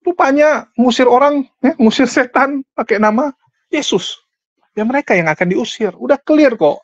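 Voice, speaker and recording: A man's voice: high-pitched, no echo. Combative man firing rhetorical questions. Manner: addresses the audience directly and repeatedly. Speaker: religious debate commentator. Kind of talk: argumentative online commentary. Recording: dull lo-fi, dry close sound.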